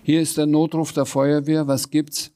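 A man's voice: a little high, level tone, moderate pace, dark tone, voice pushed up, close to an everyday voice. A laid-back, chatty fire dispatcher from a storybook, drawling and unbothered, as a man reading aloud plays him. He takes his time and sounds mildly amused. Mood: unhurried.

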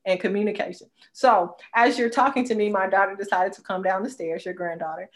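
A woman's voice: mid-range voice, fairly even intonation, fairly quick. A woman hosting an interview, heard over a glitchy video call, talking openly with fillers. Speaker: host.

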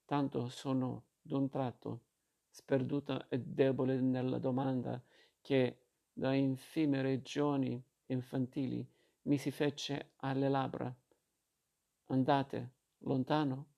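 Slow gravelly male reader. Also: medium pitch, flat delivery, dark tone. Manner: slow, measured reading with restarts. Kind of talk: reading a novel aloud.

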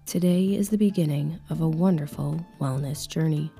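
Speaking close to a whisper in the listener's ear, a low-voiced woman leads a guided meditation full of affirmations. Her delivery is breathy, calm, soothing and slow, with soft music in the background.

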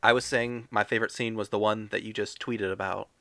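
A man's voice: fairly low pitch, little pitch movement, brisk, creaky, a bit bright, no room sound. A man co-hosting a movie podcast, bantering casually in a dry, teasing way. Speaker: podcast co-host.

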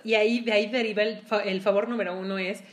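A woman co-hosting a casual group conversation, laughing often and talking in an animated way. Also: mid-range voice, fast.

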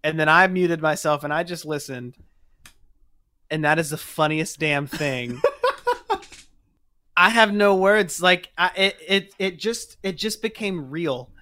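A man's voice: fairly high pitch, very animated, slow, long pauses, bright, forceful tone. A young man co-hosting a casual chat, laughing a lot and rambling with lots of filler words. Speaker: co-host.

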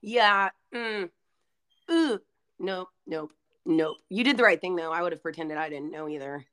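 A woman's voice: lowish voice, a little slow, a bit bright, smooth. Chatty young woman podcast co-host. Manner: chatty, lots of fillers, storytelling. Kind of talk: casual chat.

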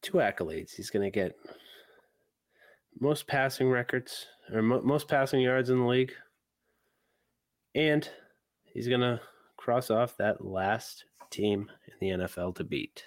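A man co-hosting a podcast, chatting about sports in a teasing way, with quick bursts and repeated words. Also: medium pitch, dry recording. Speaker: podcast co-host. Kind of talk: casual sports chat.

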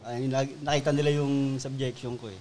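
A man's voice: mid-range voice, steady tone, brisk, darkish tone, slight background noise. A laid-back man in casual chat, often agreeing with short replies.

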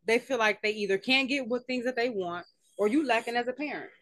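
A woman's voice: fairly high pitch, a little fast, a bit bright, no echo. Casual woman thinking aloud. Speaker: podcast co-host. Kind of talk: casual chat.

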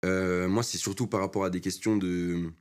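A man's voice: low-pitched, fairly even intonation, normal speed. A young man in his twenties, a rapper guest, talking casually in street slang with lots of fillers. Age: 20s. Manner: laid-back street slang, many fillers. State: short on sleep. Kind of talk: casual interview chat.

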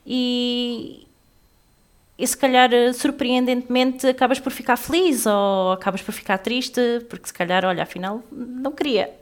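Portuguese woman in her thirties, chatting casually. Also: fairly high pitch. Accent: European Portuguese. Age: 30s. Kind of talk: casual chat between friends.

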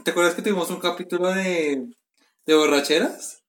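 A young woman co-hosts a casual podcast, relaxed and throwing in teasing remarks. Her voice is low for a woman. The room has a noticeable echo. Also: moderate pace. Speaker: podcast co-host. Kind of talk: casual chat.

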